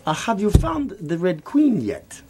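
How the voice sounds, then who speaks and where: A man's voice: on the high side, wildly swooping pitch, normal speed, a little mellow, husky, exaggerated voice. A man playing a scheming, gloating communist spymaster with a put-on foreign accent in a comedy sketch.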